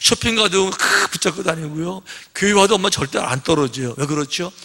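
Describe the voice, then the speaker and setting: High, bright-voiced preaching pastor. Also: male voice, a little fast. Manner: conversational preaching, rhetorical questions, acts out children's voices. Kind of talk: sermon. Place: church sanctuary. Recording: long reverb of a church hall.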